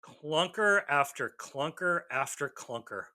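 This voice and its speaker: This is a man co-hosting a podcast in relaxed chat. His voice is bright and his pitch moves a lot, and he slips in dry, sarcastic asides while talking. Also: slow pace. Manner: wry, joking, lots of fillers and restarts. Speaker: podcast co-host. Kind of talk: casual chat.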